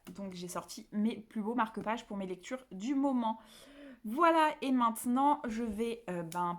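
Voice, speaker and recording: A woman from the south of France talks casually to her camera about books. She rambles, restarts her sentences and fills pauses often. Her voice sits at an ordinary middle pitch. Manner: chatty, rambling, many fillers and restarts. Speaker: book vlogger.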